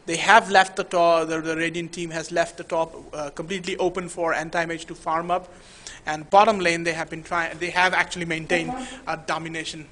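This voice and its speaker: A man from India calls a live esports match in a high, bright, ringing voice. He talks in a chatty, stop-start way, with plenty of fillers between thoughts. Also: level tone, brisk. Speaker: esports caster.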